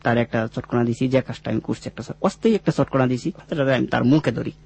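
A man's voice: mid-range voice, quick pace, gravelly, a little mellow, husky. A man in his twenties with a rural Mymensingh Bangladeshi accent, a radio guest telling his own story in plain, repetitive, informal dialect. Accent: rural Mymensingh-region Bangladeshi. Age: 20s.

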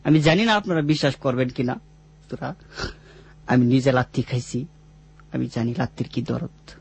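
A man's voice: mid-range voice, moderate pace, gravelly, husky. A man in his twenties with a rural Mymensingh Bangladeshi accent, a radio guest telling his own story in plain, repetitive, informal dialect. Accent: rural Mymensingh-region Bangladeshi. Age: 20s.

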